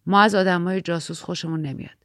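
A woman voicing a quiet, wry young man who runs a boat, speaking low and calm. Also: dry recording, clean studio sound, lightly acted. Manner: calm, laconic, low-voiced.

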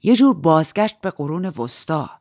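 A woman's voice: deep voice, very animated, darkish tone, no room sound, studio quality. A woman voicing a frank, easygoing nobleman husband in a plain tone.

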